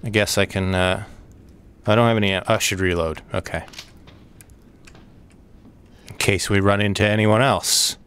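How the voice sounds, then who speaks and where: A man giving let's play commentary on a horror game, swearing a lot, rambling and breaking into excited outbursts. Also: lowish voice, unhurried, pauses often, clean tone. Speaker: gaming video host.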